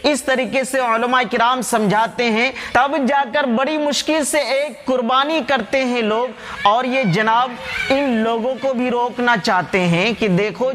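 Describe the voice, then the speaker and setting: A man's voice: extremely high pitch, bright, forceful tone, big-room sound. A man hosting a religious commentary channel, arguing a point with a string of rhetorical questions and speaking straight to his viewers as friends. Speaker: channel host.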